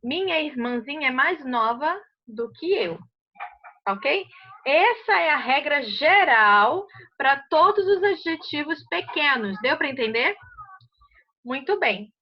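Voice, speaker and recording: A woman's voice: high voice, lively intonation, takes it slowly, slight background noise. A woman teaching an English grammar class in Brazilian Portuguese, explaining step by step and often checking that students follow. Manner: patient, checks understanding often. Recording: muffled lo-fi audio.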